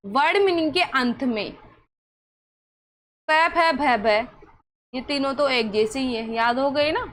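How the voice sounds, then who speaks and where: A woman's voice: sits high, fairly bright tone, a little hiss or hum, rough recording. A woman with a Hindi accent teaching English pronunciation rules, asking questions and answering them herself in an encouraging way. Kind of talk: classroom-style pronunciation lesson.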